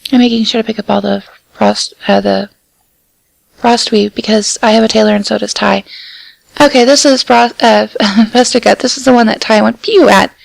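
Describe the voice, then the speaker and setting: A woman's voice: a little high, fairly even intonation, moderate pace, creaky, dry recording, rough recording. A woman casually chatting and commenting on a game she is playing with a friend, playful and self-mocking. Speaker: gaming channel co-host.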